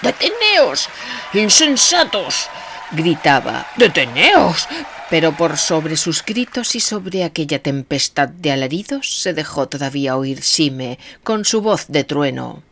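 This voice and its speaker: A woman narrating a classic novel aloud with expressive, dramatic delivery. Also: sits low, measured pace, hardly any pauses, slight background noise.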